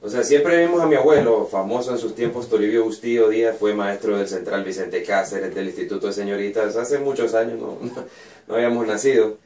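A man's voice: fairly low pitch, a little fast, recorded from a distance. A man in his thirties with a Honduran Spanish accent, a singer-songwriter guest telling stories in a small radio studio. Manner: animated, laughs while telling anecdotes. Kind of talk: storytelling interview answers. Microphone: boom mic at a desk, headphones on. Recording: echoey room, voice picked up from afar.

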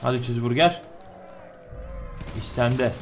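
A young man commentating his own gameplay, swearing a lot and swinging from low muttering to high-pitched yelling. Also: a little slow, soft background music. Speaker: gameplay streamer.

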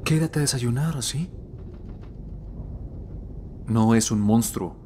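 A man's voice: medium pitch, slow, lightly acted. An actor in his thirties playing a defensive, frustrated adult son in a dubbed film drama, with a Latin American Spanish accent. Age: 30s. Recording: film soundtrack with loud music behind. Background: loud music, vehicle noise.

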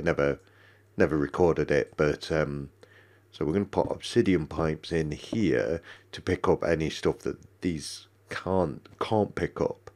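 A bass, slightly mellow voice belongs to a man narrating a casual let's-play. Congested from a cold and a stuffy nose, he rambles along with lots of ums and restarts.

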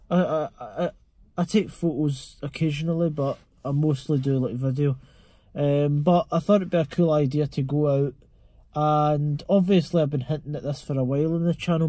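A young Scottish man talks casually to a dashboard camera from inside his parked car. His voice sits a little high and mellow, and he rambles with plenty of ums and false starts. The sound is close and dry. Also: dry recording. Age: young adult. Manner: rambling, lots of ums and restarts. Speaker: vlogger. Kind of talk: casual vlog chat to camera. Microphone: camera mounted on the dashboard.

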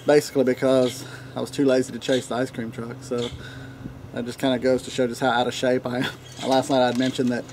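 Speaking casually and slowly with many pauses, a pipe tobacco reviewer from Tennessee delivers his vlog in a flat, somewhat mellow voice at average male pitch. He's outdoors on a wooden deck in a leafy yard, a few feet from the camera, where birds chirp, a dog barks now and then, and there's slight background noise in the light natural ambience.

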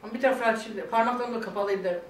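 An older woman talks quickly and with feeling, tearful one moment and laughing the next. She is recorded from some distance in an echoey room with faint noise behind her. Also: a little high. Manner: tearful and laughing by turns, quoting others. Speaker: vlog guest talking about her illness. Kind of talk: emotional casual chat.

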